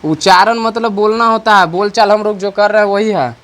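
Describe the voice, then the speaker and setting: Slowly dictating as he writes, a man runs an online grammar lesson in a high, slightly bright voice. He is repetitive, restating each point and supplying answers to the questions he asks.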